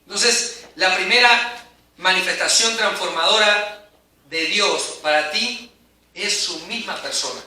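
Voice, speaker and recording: High, bright preacher in an echoey hall. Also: male voice, slow pace. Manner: emphatic, dramatic preaching with rising and falling intensity. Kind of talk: sermon. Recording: very echoey hall, mic at a distance.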